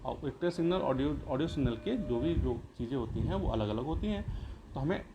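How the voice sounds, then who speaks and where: This male teacher speaks quickly at a medium pitch, sounding expressive as he explains a lesson, restating ideas and answering his own questions. The recording is muffled, though the background noise is clear.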